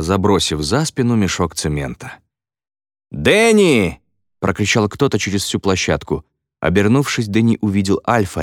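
A lower-voiced man narrating an audiobook with a lively, expressive intonation. His reading is measured and clear, heard close up and dry. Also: no echo. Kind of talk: scripted narration.

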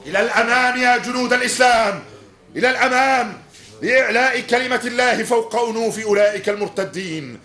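Solemn, resolute army commander. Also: male voice, low-pitched, expressive, moderate pace. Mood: rousing battle cry. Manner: solemn, declamatory. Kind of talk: classical Arabic historical drama acting.

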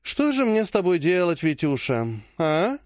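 A man voicing a powerful woman clan head who speaks in a slow, honeyed yet threatening way. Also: high voice, big pitch swings, no room sound, clean studio sound. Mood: honeyed menace. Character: sweetly menacing older woman clan head.

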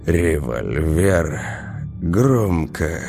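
A man reading a story aloud as a narrator, in a measured, expressive storytelling manner. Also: very deep voice, gravelly, soft background music. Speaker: audiobook narrator. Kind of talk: scripted narration.

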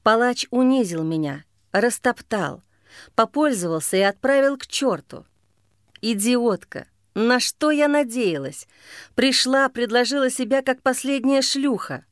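Female audiobook reader, fairly high voice, intense bitter first-person delivery, dry close mic. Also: expressive, unhurried, dry recording. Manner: intense, bitter, emotionally charged reading. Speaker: audiobook narrator.

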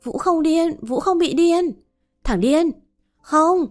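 A woman voicing a frightened, childlike grown man who pleads in a high, sobbing voice. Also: expressive, unhurried, mellow, faint music behind. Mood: frightened pleading.

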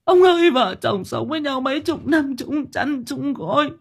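A man's voice: expressive, very fast, vocal fry, warm tone, heavily acted. A man voicing an old village widow who wails and stammers over her husband's coffin. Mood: wailing. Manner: shrill sobbing lament, stammering repeats.

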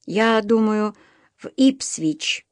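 A woman's voice: medium pitch, lively intonation, slow, no room sound, studio quality. A woman voicing a shy, hesitant young female blacksmith in an audiobook. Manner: hesitant, subdued. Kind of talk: audiobook reading.

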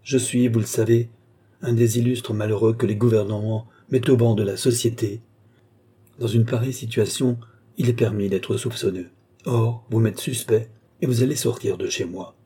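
A man's voice: mid-range voice, fairly even intonation, normal speed, warm tone, breathy edge, lightly acted. A man voicing a suspicious, touchy older male philosopher in an audiobook, hurling accusations and lamenting his betrayals. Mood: indignant. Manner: accusing, self-pitying outbursts.

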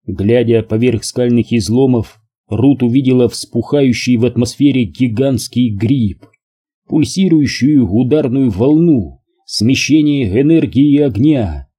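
A male audiobook narrator with a very dark, mellow voice and a husky edge. He reads in an even, measured way at a middle pitch.

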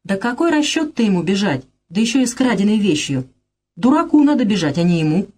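A woman's voice: medium pitch, very animated, quick pace, a little mellow, husky. A woman voicing a stolid, sly male house servant in a dramatized reading of a play, who talks bluntly and stubbornly plays dumb. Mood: dismissive. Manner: blunt, stubborn, feigning ignorance.

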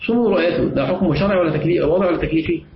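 A high-voiced man with an Egyptian accent teaches a class, laying out each point step by step, repeating key phrases and testing the students as he goes. The recording is dull and lo-fi, with clear noise in an echoey room. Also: very fast. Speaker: teacher of Islamic jurisprudence. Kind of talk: classroom lesson with questions to students.

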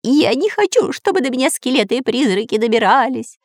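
A woman's voice: medium pitch, lively intonation, brisk, vocal fry, no echo, clean studio sound. Woman playing a stuttering, terrified robber. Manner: stuttering, shrieking. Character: cowardly, terrified male robber.

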